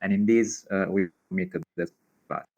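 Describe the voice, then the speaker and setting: A man's voice: low voice, steady tone, a little mellow, muffled recording. Man on a breaking-up video call. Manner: halting, with many fillers. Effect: choppy video-call audio that freezes and breaks up. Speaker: panelist. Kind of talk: remote panel discussion.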